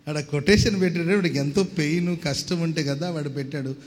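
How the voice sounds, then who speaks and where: A man's voice: a little high, fairly quick, long reverb tail. A male pastor preaching a sermon, emphatic, calling on the congregation to respond and mixing in English words.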